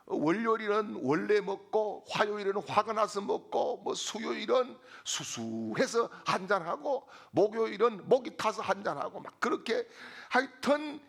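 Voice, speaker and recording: A middle-aged pastor delivers a sermon with a husky, gravelly voice. His pitch swings widely, climbing into shouted refrains. Between them he tells humorous stories and acts out the characters. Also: lively intonation, a little slow, few pauses. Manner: preaching with rising shouted refrains.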